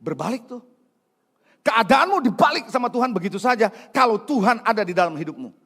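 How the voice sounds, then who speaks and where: A man preaching a sermon as pastor, calling out to the congregation and swinging from loud calls to hushed lines. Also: extremely high pitch, animated, quick pace. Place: church hall. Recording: long reverb of a large hall.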